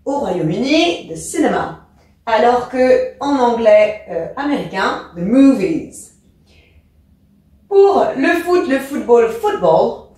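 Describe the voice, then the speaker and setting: A woman explaining an English lesson to a pupil, patient, spelling letters out and speaking to the child as "tu". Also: fairly high pitch. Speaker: teacher. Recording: echoey room from far off.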